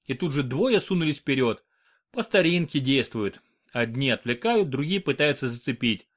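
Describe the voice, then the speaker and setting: A man narrating an audiobook in an expressive storytelling manner. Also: mid-range voice, normal speed. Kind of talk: scripted narration.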